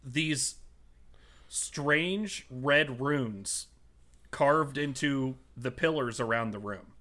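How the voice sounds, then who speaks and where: A man's voice: mid-range voice, extremely slow, bright, forceful tone. A man narrating as game master of a tabletop game, hesitant with many fillers as he explains.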